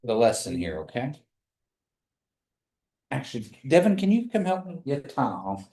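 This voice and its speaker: A man's voice: medium pitch, very animated, measured pace, mellow. A man teaching a language class in a casual, conversational way. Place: indoor classroom. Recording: echoey room.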